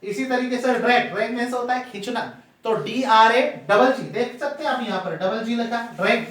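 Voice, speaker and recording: A man's voice: very high-pitched, a little fast, fairly bright tone. A male teacher giving a spoken lesson, spelling words letter by letter and addressing his students fondly. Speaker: English teacher. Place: room with a board. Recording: echoey room, voice from far off.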